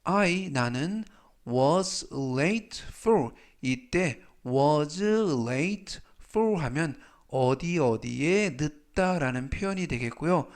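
Slow, deliberate Korean-speaking English teacher. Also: male voice, a little high, expressive. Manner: spells out pronunciation, repeats each word slowly. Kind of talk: slow explanatory vocabulary lesson.

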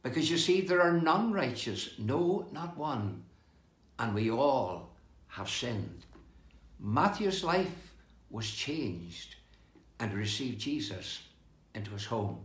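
Slow, lively older preacher man. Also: medium pitch, roomy sound. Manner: slow, emphatic preaching with rising and falling delivery. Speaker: pastor. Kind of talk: devotional sermon. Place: indoor room with bookshelves, seated with open Bible.

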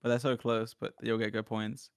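A young man, bantering and bickering over a geography guessing game, yelling directions at his friend. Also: medium pitch, flat delivery, normal speed, clean tone. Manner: teasing, bickering, yells directions. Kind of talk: casual gaming banter.

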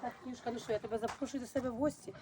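A woman's voice: fairly high pitch, fairly even intonation, racing. Chatty woman vlogging on a noisy street. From Ukraine. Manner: chatty, affectionate, addresses viewers fondly. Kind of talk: casual vlog, touring a village. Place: outdoors in a village.

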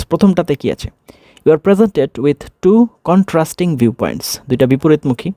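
A man with a Bangladeshi accent teaching a TOEFL lesson, reading English lines slowly and then explaining each one. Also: medium pitch, mellow, no echo, clean studio sound. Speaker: TOEFL instructor.

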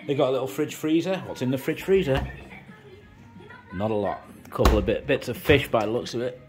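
A travel vlogger films a tour of a small rented house on a handheld phone camera, moving from the outdoor terrace into small rooms. His medium-pitched voice is brisk over music as he rambles casually and explains things.

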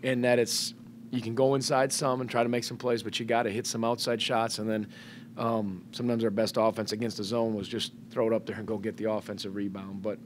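In a press room in front of a sponsor backdrop, a middle-aged man who is a head basketball coach answers post-game questions. He talks thoughtfully into a table microphone, often using fillers and restarting sentences. His voice is on the low side, and the background is noisy.

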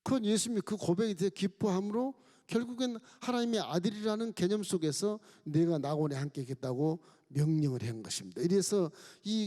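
Male pastor, fervent sermon, pitch swings up and down, long church-hall echo. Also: mellow. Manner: preaching with sudden rises and drops in pitch.

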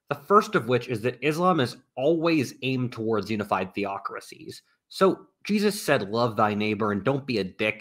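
A man narrating a scripted video essay in a measured, opinionated way, played inside another video. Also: on the low side, a bit bright.

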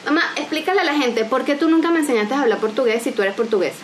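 In a casual home vlog shot at arm's length in a small indoor room, a Venezuelan vlogger in her twenties chats fast in a high-pitched voice. She is animated and playful, gesturing plenty, and her sound is reverberant with slight background noise.

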